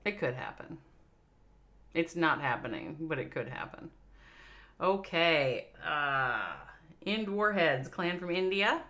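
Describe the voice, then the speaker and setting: A woman's voice: deep voice, animated, slow pace, long pauses, bright, forceful tone. A woman with a Minnesota accent giving chatty, playful live commentary on a mobile strategy game match, reacting to chat and laughing along. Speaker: esports caster.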